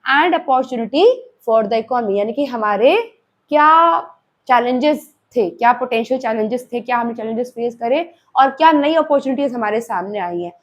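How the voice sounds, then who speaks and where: A woman's voice: fairly high pitch, expressive, moderate pace, lo-fi sound. A young woman with an Indian accent, giving a classroom lecture that mixes Hindi and English. She talks to her students conversationally and keeps checking in with them. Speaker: teacher.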